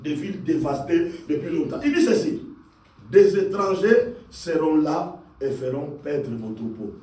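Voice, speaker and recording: A male pastor preaching a fervent, repetitive sermon that rises into shouts. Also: on the high side, measured pace. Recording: echoey hall, distant mic.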